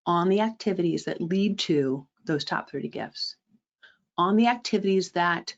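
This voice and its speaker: A woman's voice: fairly low pitch, dull audio. A woman presenting a fundraising webinar, direct and emphatic, often checking in with a rhetorical "right?" and adding sarcastic asides.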